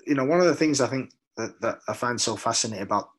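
A London poet with a British accent talks fast in a mid-range, slightly breathy voice during a reflective interview. He is thoughtful and hesitant, often repeating words while he hunts for the right one.

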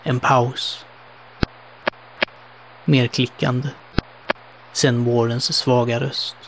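A man solemnly narrating a horror story in the first person, with a measured delivery. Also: mid-range voice, little pitch movement, noisy background.

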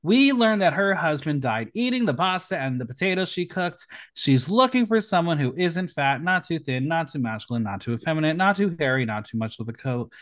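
A man's voice: animated, fairly quick, few pauses, a bit bright. A man hosting a podcast, recapping a TV episode in a campy, sarcastic manner. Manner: campy, sarcastic, with sudden pitch jumps. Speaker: podcast host.

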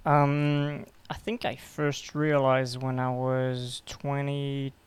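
A man in his twenties from Belgium, a podcast guest telling his story in a halting way, repeating words and filling pauses. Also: medium pitch, completely flat delivery, smooth. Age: 20s. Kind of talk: casual interview.

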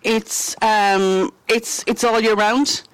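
A woman's voice: fairly high pitch, steady tone, slow pace, clean tone, no room sound, poor audio. A middle-aged woman with a west of Ireland accent, chatting and explaining things as an interview guest. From Galway, west of Ireland. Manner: chatty, explanatory, frequent "you know" and "stuff like that". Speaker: interview guest, Scout leader. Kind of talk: conversational interview answers.

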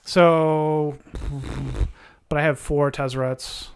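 A man's voice: a little high, takes it slowly, clean tone. A man co-hosting a podcast, chatting casually and wryly about card games, with the odd curse. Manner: relaxed, wry, casual swearing. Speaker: podcast co-host.

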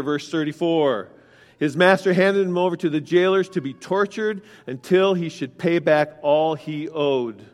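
A man preaching a sermon, explaining scripture verse by verse and asking his congregation direct questions. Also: on the high side. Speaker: pastor. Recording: long hall reverb.

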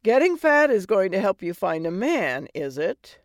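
A woman's voice: mid-range voice, sing-song, measured pace, dry recording, studio quality. Woman doing a brash, sarcastic fairy godmother. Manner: loud, blunt and sarcastic.

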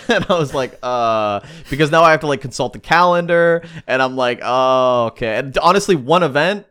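A man co-hosting a casual podcast, rambling and animated, with lots of fillers and restarts. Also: mid-range voice, normal speed, clear, resonant tone. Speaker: podcast co-host. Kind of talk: casual chat.

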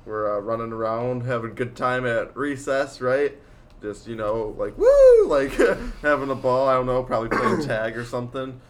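A man's voice: medium pitch, fairly even intonation, normal speed, fairly bright tone, slight background noise. A teenage boy in casual chat, rambling through a story with lots of fillers and laughs. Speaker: student storyteller.

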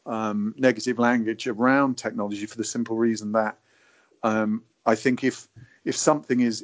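A man talking thoughtfully and hesitantly in conversation, often repeating words as he works out a point. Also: mid-range voice. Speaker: natural navigation advocate, guest. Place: indoors in a wooden cabin. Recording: dull, muffled lo-fi audio.

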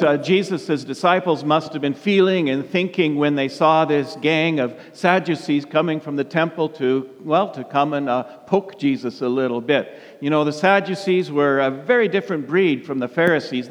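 Folksy male preacher in a reverberant hall. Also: a little high. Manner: colloquial, halting, folksy phrasing. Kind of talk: informal conversational sermon.

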